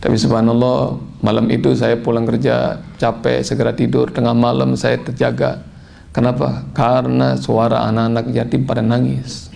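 A man giving a sermon, telling a story in an animated way and rising to high, emphatic tones when quoting. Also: moderate pace, vocal fry. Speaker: preacher.

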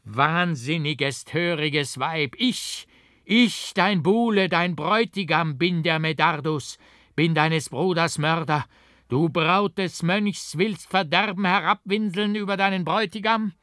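A man voicing a frenzied murderous monk, shouting wildly and grimly in a raised voice. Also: fairly high pitch, a little slow, no echo, studio quality, pitched above the performer's own voice. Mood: raging. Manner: shouting, wild, grim. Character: raging murderous young male monk, frenzied.

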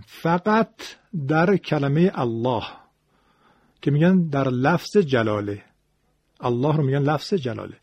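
A man lectures on recitation rules in a measured, explanatory tone, stopping to demonstrate sounds. His voice is husky and sits dry and close to the mic, with a muffled lo-fi sound. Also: fairly high pitch, no echo. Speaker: Quran recitation teacher.

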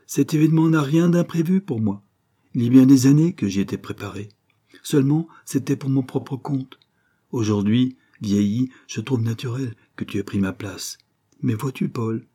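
A man voicing an aging, tender aristocratic father who talks in a hushed, emotional way in a storybook reading. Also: medium pitch, normal speed, slightly rough, voice pushed up, lightly acted. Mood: grave.

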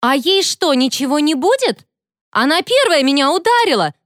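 A woman voicing a bratty teenage girl bully with a shrill, complaining way of talking. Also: very animated, brisk, no room sound, clean studio sound. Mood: whining indignant.

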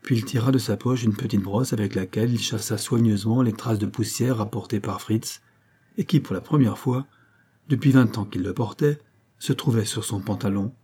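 Dark, husky male audiobook narrator. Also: fairly low pitch. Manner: measured, steady storytelling. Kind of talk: scripted narration.

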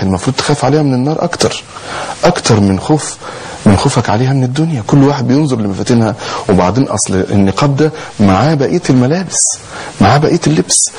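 A man's voice: mid-range voice, a little mellow, a little hiss or hum, poor audio. A man preaching in a sermon with an Egyptian accent, exhorting passionately and firing rhetorical questions.

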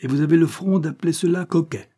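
A man reading an audiobook, voicing an irascible, sarcastic older spinster who scolds in loud outbursts. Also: lowish voice, animated, moderate pace, breathy edge. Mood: scolding. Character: irascible sharp-tongued older spinster woman.

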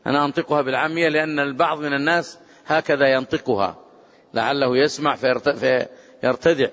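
A man giving a religious lesson as a scholar, speaking emphatically and slowing down to quote prayers. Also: medium pitch. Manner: emphatic, rising to forceful exclamations; measured, drawn-out quoting of prayers. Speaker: Islamic scholar teaching. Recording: dull lo-fi sound with long hall reverb.

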